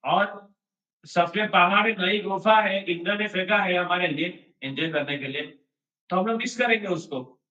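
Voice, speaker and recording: A man's voice: high voice, unhurried, pushed and bright. A man giving a storytelling sermon in a chatty style, mixing in English phrases and laughing now and then. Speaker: devotional speaker. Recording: echoey, distant, dull sound.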